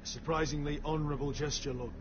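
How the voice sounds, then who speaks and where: An actor playing a resolute young lord of a besieged house in a fantasy game, grave and commanding. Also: male voice, a little high, steady tone, quick pace, noisy background, lightly acted. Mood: grave, measured. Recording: muffled, music behind.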